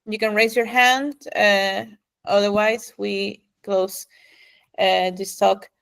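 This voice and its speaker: A woman's voice: medium pitch, little pitch movement, slow pace, creaky, fairly bright tone, clean tone. A woman moderating an online talk, polite and informal as she hands over between speakers. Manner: polite, informal, with laughs and restarts. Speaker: webinar moderator.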